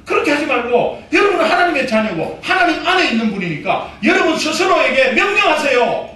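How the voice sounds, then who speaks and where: High, lively-voiced male pastor preaching. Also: a little fast. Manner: animated preaching, acts out self-talk, calls out to the congregation. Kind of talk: sermon. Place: church sanctuary. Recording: echoey church hall, mic at a distance.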